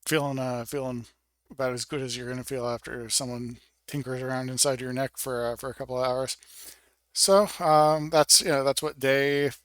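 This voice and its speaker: Man, mid-pitched, casual vlog update, rambling, hesitant phrasing, wry understatement, dry close sound. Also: steady tone, moderate pace, a bit bright, clean tone, no room sound. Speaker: video blogger.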